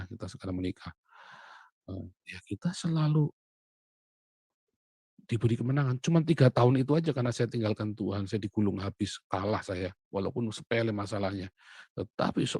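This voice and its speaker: A man's voice: on the low side, breathy edge, dry recording. Middle-aged man preaching with big swings. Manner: animated preaching, acting out family quotes, swinging between loud and soft. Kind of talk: sermon.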